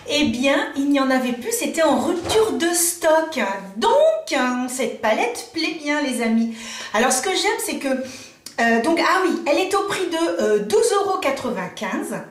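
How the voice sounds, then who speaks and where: A woman's voice: high-pitched, far from the mic. A woman chatting casually through a makeup review video, hesitating often with fillers and joking at herself. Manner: playful, jokes at herself. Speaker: beauty vlogger. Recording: roomy, from away from the mic.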